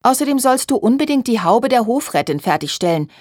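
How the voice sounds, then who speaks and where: A practical young seamstress in a storybook, voiced by a woman. She talks calmly and matter-of-factly. The recording is dry and close. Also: on the high side, fairly quick, dry recording, pitched above the performer's own voice. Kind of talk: audiobook reading.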